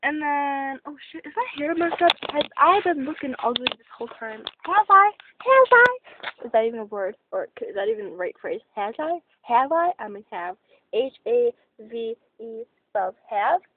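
A woman vlogging in casual chat, rambling off on quick tangents and swearing freely, from a parked car. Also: on the high side, slight background noise. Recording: tinny phone-like recording.

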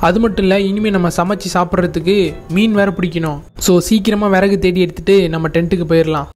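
A man's voice: high-pitched, steady tone, fast talker, a little mellow, faint music behind, lightly acted. A man playing an easygoing game hero. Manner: plain, instructive, addressing viewers. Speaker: gameplay video narrator. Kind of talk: Tamil gameplay narration.

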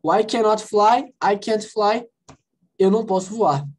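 A woman teaching English in an online class, lively and coaxing, quizzing students and repeating phrases slowly. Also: mid-range voice, slightly rough. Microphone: video call.

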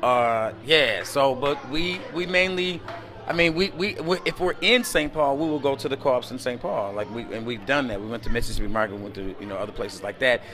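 A man, speaking at an ordinary middle pitch. He answers interview questions casually, wandering between thoughts with plenty of fillers. He is recorded close to a camera at an indoor event. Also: fairly quick. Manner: relaxed, rambling, many fillers. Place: indoor event space by a window at night.

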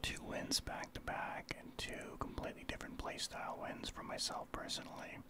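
Whispering man, ASMR game commentary. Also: normal speed. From Saskatchewan, Canada. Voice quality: soft breathy whisper. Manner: explanatory, informal gamer talk. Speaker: streamer, ASMR channel host.

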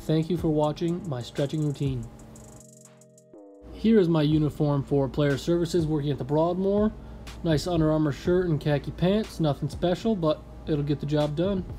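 A man's voice: fairly high pitch, moderate pace, faint music behind. A young man vlogging casually from his apartment, talking through a stretching routine and joking while he makes a sandwich. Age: young adult. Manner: relaxed, joking, easygoing. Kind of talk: casual vlog and stretching instruction. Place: small apartment room, indoors.

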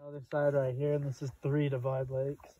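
A man's voice: mid-range voice, completely flat delivery, fairly quick, dark tone, no echo, highs cut off. A man on a mountain hike pointing out landmarks in a matter-of-fact, casual way, heard from some distance outdoors. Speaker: hiking companion.

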